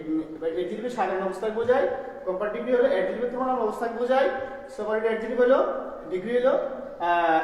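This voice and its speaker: High-voiced male teacher in an echoey room. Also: a little mellow. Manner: explains step by step with repeated questions to students. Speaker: school teacher. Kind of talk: classroom grammar lesson. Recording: echoey room, long reverb.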